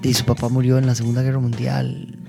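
A man with a Costa Rican accent, a podcast guest telling relaxed, reflective anecdotes with casual swearing. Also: medium pitch, a little fast, creaky, over music. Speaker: guest, actor and musician. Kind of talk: casual chat.

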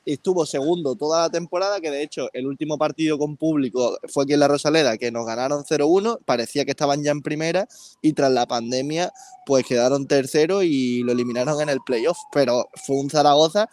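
A man's voice: a little high, brisk, darkish tone, no room sound. A man on a football debate panel who explains his view at length and disagrees firmly.

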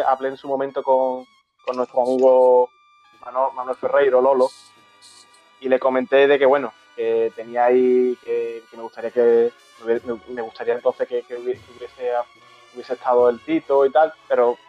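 A man hosting a talk, telling a memory with many stops and repeated words. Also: mid-range voice. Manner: halting, repeats words, moved. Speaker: host of a brotherhood talk show. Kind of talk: emotional storytelling in casual chat. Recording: dull lo-fi sound with faint music.

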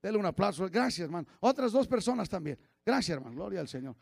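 Gravelly pastor shouting and murmuring by turns. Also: male voice, sing-song, fast talker, no echo, studio quality. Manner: swings from shouted preaching to low confiding asides. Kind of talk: sermon.

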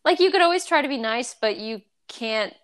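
A young woman talks through a personal story on a casual podcast, circling back with lots of fillers and restarts. Her voice sits a little on the high side. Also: animated, fairly quick, fairly bright tone, clear, resonant tone. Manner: rambling, full of "like" and restarts. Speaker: podcast co-host. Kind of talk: casual chat.

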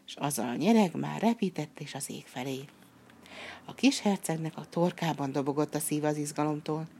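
A woman reading a fairy tale aloud in an expressive, animated way. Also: low voice, creaky, breathy edge. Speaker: storyteller.

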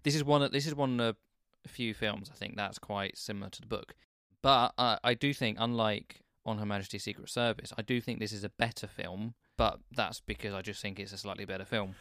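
A man's voice: fairly low pitch, fairly even intonation, a little fast, hardly any pauses, fairly bright tone, no echo, clean studio sound. A man co-hosting a casual film chat, thoughtful and hesitant, often restarting his sentences. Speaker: film podcast co-host.

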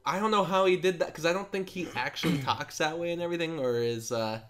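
Rambling, excitable male podcast co-host. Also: fairly high pitch, fast talker. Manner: rambling, enthusiastic, laughs often. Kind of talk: casual chat.

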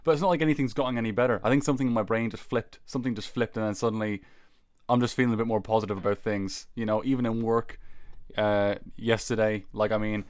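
A man in casual chat who teases and questions his friend with a quick, incredulous manner. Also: on the low side, steady tone, clean tone, no room sound, clean studio sound. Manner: teasing, incredulous, quick to laugh.

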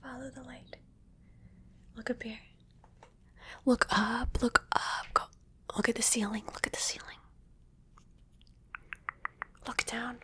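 Softly whispering playful woman. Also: on the high side, level tone, a little slow, long pauses. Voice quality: soft whisper. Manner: playful, coaxing, gives repeated gentle instructions. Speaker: ASMR creator. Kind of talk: whispered ASMR attention-test role-play.

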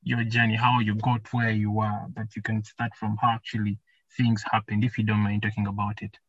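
A man's voice: fairly low pitch, little pitch movement, brisk, fairly bright tone, husky, no echo, muffled recording. A man hosting a podcast, chatting casually and rambling as he repeats himself. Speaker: podcast host. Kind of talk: casual interview.

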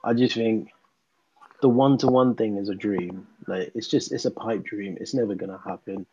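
A man's voice: fairly low pitch, normal speed, dark tone, highs cut off, a little hiss or hum. A man talking casually in a panel discussion, laid-back and rambling with lots of fillers. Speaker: podcast co-host.

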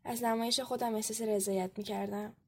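Woman reader, fairly high voice, steady first-person storytelling for a podcast. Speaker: podcast co-host. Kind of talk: reading a story aloud.

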